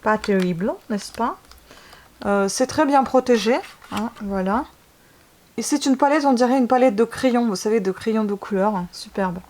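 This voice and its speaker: A woman's voice: on the high side, moderate pace, a little mellow. A woman beauty vlogger in a casual unboxing video. She talks enthusiastically and gushes often, with many hesitations. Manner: gushing, enthusiastic, lots of hesitations.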